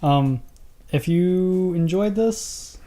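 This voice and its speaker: A man's voice: high voice, very slow, dark tone. A man co-hosting a casual podcast, chatting and joking about movies. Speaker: podcast co-host.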